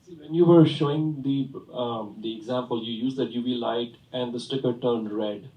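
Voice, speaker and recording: A man judging a pitch competition, asking probing, clarifying questions. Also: moderate pace, lo-fi sound. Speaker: competition judge. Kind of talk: judge's questions. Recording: echoey hall from far off.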